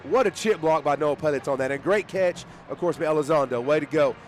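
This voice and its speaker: A man doing color commentary on a high school football game, chatty and quick to laugh. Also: a little hiss or hum. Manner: chatty, laughs often, exclaims.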